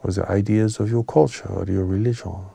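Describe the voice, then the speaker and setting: The sermon comes from a man speaking as a spiritual teacher, his voice soft and on the low side. He stays calm, gentle and solemn, using short, measured phrases that end breathily, and there's no room sound.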